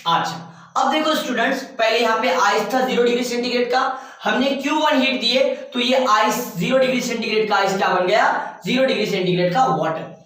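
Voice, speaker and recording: A man teaches physics, firing questions at the class and answering them himself while spelling out key terms slowly. He stands well back from the mic in a room that rings with heavy echo. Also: sits high, fairly bright tone. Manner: stretches out key terms word by word. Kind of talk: classroom lecture. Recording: very echoey room, voice from far off.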